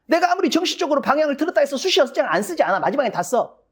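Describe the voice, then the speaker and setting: An English cram-school instructor at an info session for parents, talking bluntly and emphatically with rough slang and rhetorical questions they answer themselves. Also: high-pitched, very animated, very fast. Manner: asks rhetorical questions, then answers them.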